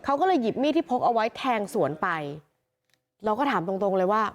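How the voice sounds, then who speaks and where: A woman field reporter telling a news story in a chatty, animated way. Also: medium pitch, brisk.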